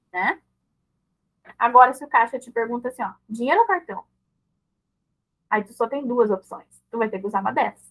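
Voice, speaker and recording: A woman with a high, light voice leads an online mentoring session for parents. She talks in a conversational way, checking in with listeners through quick tag questions. She often slips into short example exchanges between a mother and her child. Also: fairly bright tone, rough recording.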